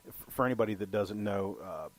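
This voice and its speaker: Low-voiced man, rambling casual podcast talk. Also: quick pace. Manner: rambling, profane, heavy use of "you know". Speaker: podcast co-host. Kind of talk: casual film chat.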